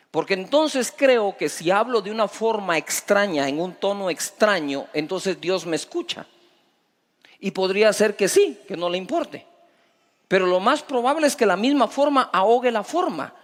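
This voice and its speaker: A male pastor preaching a sermon with emphatic delivery that swings between loud and hushed. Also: high-pitched. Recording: long reverb of a large hall.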